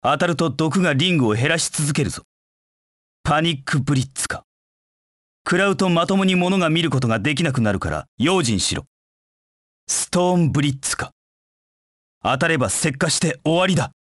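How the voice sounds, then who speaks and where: A man's voice: on the high side, expressive, brisk, pauses often, fairly bright tone, no echo, clean studio sound. An actor playing a proud, cold hedgehog knight in a Japanese video game, curt and disdainful in his delivery. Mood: cool, watchful. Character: proud, cold anthropomorphic hedgehog knight, a brooding young male rival.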